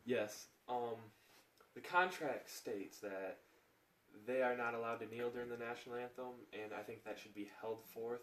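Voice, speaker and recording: A man playing a league commissioner in an amateur skit, pausing often with ums as he defends the contract. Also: medium pitch, a bit bright, natural voice. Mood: firm. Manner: hesitant, with frequent ums. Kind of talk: amateur school skit acting. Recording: echoey room from far off, faint noise.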